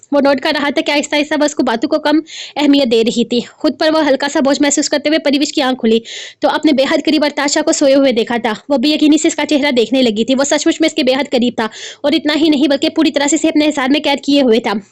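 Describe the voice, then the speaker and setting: A woman reading a romance novel aloud in a hurried way, often restarting phrases. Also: high voice. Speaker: novel reader.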